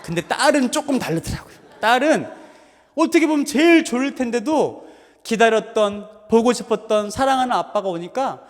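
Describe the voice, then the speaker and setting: High-voiced pastor in an echoing church. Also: male voice, animated, normal speed. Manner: warm storytelling with sudden loud bursts. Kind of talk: sermon. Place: church sanctuary. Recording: long hall reverb in a church.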